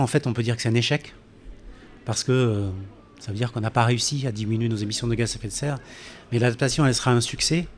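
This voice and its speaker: A man giving a public science talk in a café event room, hesitant with many fillers and restarts, sometimes drifting off the microphone. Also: medium pitch. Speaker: climate scientist speaker. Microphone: handheld mic, drifting off it.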